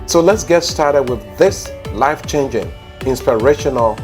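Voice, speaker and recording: A man hosting his own interview channel, introducing his guest in a formal, deliberate way. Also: medium pitch, animated, over music. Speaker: interview host, YouTuber.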